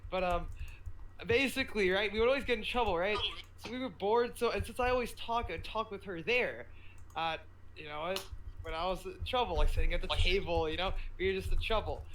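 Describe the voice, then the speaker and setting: A teenage boy with a notably high voice co-hosts a casual podcast. He tells a story in loose, stop-and-start fashion, often laughing as he goes. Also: brisk, fairly bright tone, a little hiss or hum, rough recording. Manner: rambling, self-interrupting storytelling with frequent laughs. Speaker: podcast co-host. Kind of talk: casual chat.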